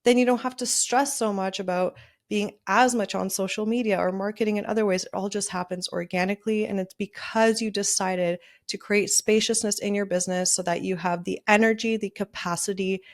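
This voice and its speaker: A woman in her thirties talks straight into a podcast microphone in a chatty, upbeat solo episode. Her voice sits at an ordinary middle pitch for a woman. She leans on "like" as she talks. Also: fairly even intonation, brisk. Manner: chatty and upbeat, with frequent "like" fillers. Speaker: podcast host. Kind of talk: casual solo podcast talk.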